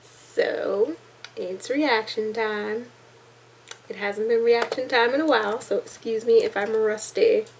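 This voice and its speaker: A woman's voice: fairly high pitch, takes it slowly, creaky, a little hiss or hum, rough recording. A woman hosting a casual reaction vlog, chatty and rambling with self-deprecating asides. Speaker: reaction video host.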